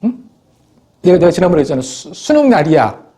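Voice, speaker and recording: A middle-aged man lectures his students with a lively, swooping delivery that climbs high, often stumbling over his words and restarting. His tone stays mellow and soft-edged even as he acts out pupils and parents to drive his point home. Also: fairly quick. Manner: animated, scolding, acts out students and parents in quoted voices. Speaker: teacher. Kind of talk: motivational classroom talk.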